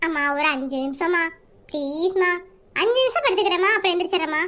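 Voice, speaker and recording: Cartoon comedy: performer as a lazy little schoolboy, high and bright, whining and begging. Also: animated, quick pace, exaggerated voice. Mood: whiny. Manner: whiny begging, chatty asides to viewers. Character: sleepy lazy schoolboy, whiny and pleading. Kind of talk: Tamil cartoon comedy dub.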